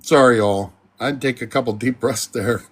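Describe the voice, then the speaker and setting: A man's voice: mid-range voice, moderate pace, husky. A man ranting heatedly on a livestream, swearing, raising his voice and then apologizing. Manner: swearing, swings between shouting and apologizing. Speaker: livestream commentator.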